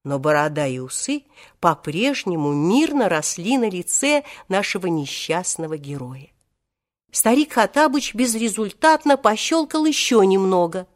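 An expressive woman reading a children's tale aloud, at mid pitch. The telling is lively and animated, as in an audiobook. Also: measured pace. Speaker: narrator.

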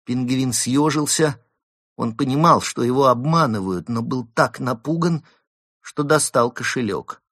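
A man narrating a children's story in an expressive audiobook reading. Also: mid-range voice, unhurried, dry recording, studio quality.

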